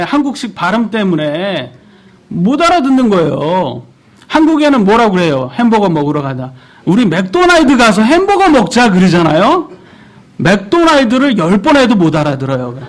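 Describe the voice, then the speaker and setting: A man in his thirties preaching a sermon in church, asking the congregation questions as he goes. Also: high voice. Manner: animated, asks the congregation questions.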